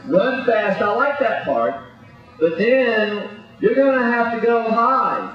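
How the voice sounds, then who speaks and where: A man's voice: extremely high pitch, sing-song, slow. A man coaching in a comic gymnastics act, bossy and exasperated, scolding a clumsy student in front of an audience. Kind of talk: comic coaching patter over a live act. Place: large indoor gymnasium with audience. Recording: echoey distant muffled gym recording.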